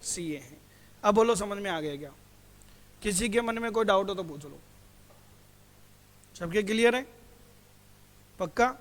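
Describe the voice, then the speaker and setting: A man's voice: high voice, lively intonation, measured pace, long pauses. A male teacher giving a classroom lecture who keeps asking his students questions, answers them himself, and calls them "beta". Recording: hall reverb.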